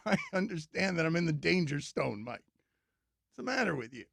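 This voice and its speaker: A man's voice: a little high, sing-song, a little fast, gravelly, breathy edge, no room sound. A man from South Florida hosting in casual radio banter, exclaiming and repeating himself. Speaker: show host.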